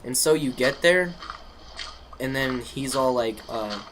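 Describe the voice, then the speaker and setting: A man's voice: mid-range voice, slow, background noise. A man casually recapping a video game's story, rambling with lots of fillers, restarts and slangy jokes. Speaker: gaming video creator.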